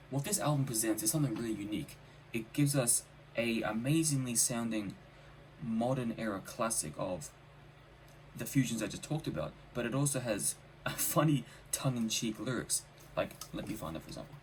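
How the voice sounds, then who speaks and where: A man's voice: medium pitch, normal speed, a little hiss or hum, rough recording. A man giving a casual, enthusiastic spoken music review, stressing points by repeating his phrases. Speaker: album reviewer.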